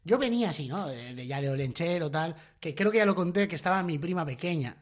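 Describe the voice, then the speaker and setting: A young man from the Basque Country, co-hosting a comedy podcast and telling stories in animated chat, acting out the voices of others. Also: a little high, fast. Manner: animated storyteller, acts out voices.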